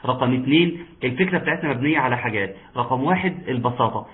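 A man speaks with an Egyptian Arabic accent, teaching Quran recitation in an online class. He is patient, repeating and drawing out sounds so his students can copy them. His voice sits at an ordinary pitch and comes through a narrow, phone-like video-call line. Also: lively intonation, very fast. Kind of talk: online tajweed lesson.

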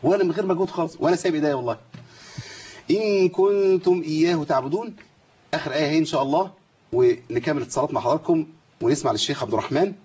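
A man with an Egyptian Arabic accent leads a tajweed lesson, his slightly high voice carrying a husky edge. He quizzes his students by name, recites examples and points out common errors. The sound is dull and lo-fi, like a broadcast. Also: racing, darkish tone. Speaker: Quran recitation teacher.

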